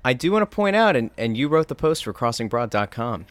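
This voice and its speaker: Man, animated pitch, dry sound, playful podcast banter. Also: brisk, dry recording. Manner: joking, playful teasing. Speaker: podcast co-host. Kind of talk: casual chat.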